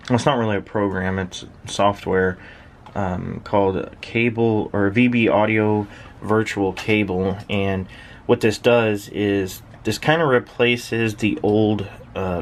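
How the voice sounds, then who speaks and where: With a lowish voice and a bit of background noise, a shortwave hobbyist thinks aloud while demonstrating his station. It's a casual, unscripted ramble, hesitant at points, recorded in a small uninsulated shed that has a workbench.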